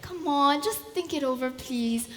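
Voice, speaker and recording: An eager young heiress played by a woman speaks earnestly in a high, theatrical voice, ringing through a hall. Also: unhurried, slight background noise. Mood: pleading. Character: earnest, eager young rich gallery daughter. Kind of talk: theatrical stage acting. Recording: echoey hall.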